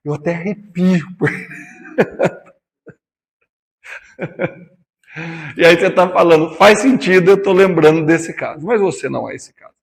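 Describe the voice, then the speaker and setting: A man's voice: on the high side, slow, gravelly, long pauses, in a large hall. A man teaching physics in a classroom lecture with a Brazilian Portuguese accent, chatty and teasing, calling students by nicknames.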